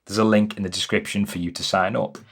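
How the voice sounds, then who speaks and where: A man's voice: lowish voice, little pitch movement, fast talker. A young man giving an upbeat, chatty explainer to camera from his home music studio. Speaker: music business educator. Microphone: camera-mounted mic.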